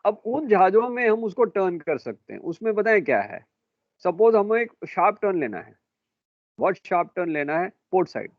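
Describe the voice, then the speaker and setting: Man teaching a lively class. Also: sits high, no room sound. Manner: quizzes students, calls them beta and bhai. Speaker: marine engineering teacher. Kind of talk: classroom lecture with questions. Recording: dry tinny phone-like classroom recording.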